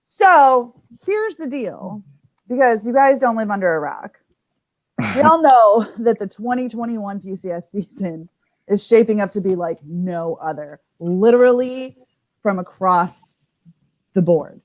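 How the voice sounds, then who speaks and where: A woman's voice: medium pitch, a little slow. A woman hosting a live stream and announcing a contest with lots of energy, hyping it up with slang and laughs. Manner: energetic, hype-building, laughs often; slang-heavy, says "like" a lot. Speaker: host.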